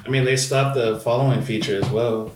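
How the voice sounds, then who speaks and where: A man of middle pitch talking loosely and laughing as he retells posts and things people said. The sound carries an echoey room and a faint background hiss. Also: steady tone, moderate pace. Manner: rambling, laughing, quoting people. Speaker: podcast co-host. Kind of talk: casual chat.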